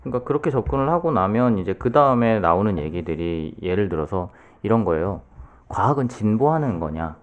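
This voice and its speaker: A soft-spoken man with a low voice explains a book on a casual podcast. His pitch rises and falls a lot as he builds his points. He talks at length and fills his pauses with "um". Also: animated, lo-fi sound. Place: podcast studio.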